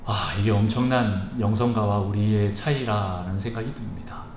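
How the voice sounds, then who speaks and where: A male pastor delivering an evening sermon in a church sanctuary, earnest and emphatic, with frequent pauses. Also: on the low side, a little mellow. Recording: echoey church hall with faint background hiss.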